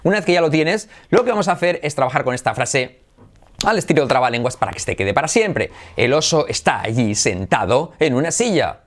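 A man's voice: mid-range voice, sing-song. Upbeat Spanish man teaching English. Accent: Spain Spanish. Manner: upbeat, mixes English and Spanish, drills words slowly. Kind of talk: language lesson on pronunciation.

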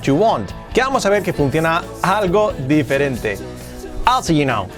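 A man from teaching English to Spanish speakers, explaining step by step and repeating each phrase slowly. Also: a little high, big pitch swings, music in the background. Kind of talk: video lesson for Spanish speakers.

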